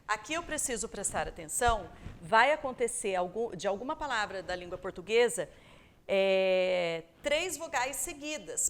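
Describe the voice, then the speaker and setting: A woman from Brazil giving a calm, patient recorded review lesson to primary pupils, sounding out words syllable by syllable and checking in with "tá?". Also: fairly high pitch. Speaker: teacher.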